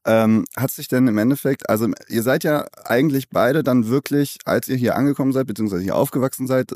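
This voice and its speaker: Relaxed low-voiced male host. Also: no room sound, clean studio sound. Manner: relaxed, filler-heavy questions. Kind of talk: casual interview.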